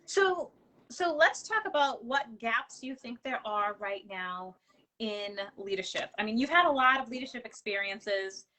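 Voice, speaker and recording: A woman's voice: a little high, animated, unhurried, bright, forceful tone, low-quality recording. A woman hosting an interview, enthusiastic and affirming, with many fillers like um and you know. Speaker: host. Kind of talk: interview conversation.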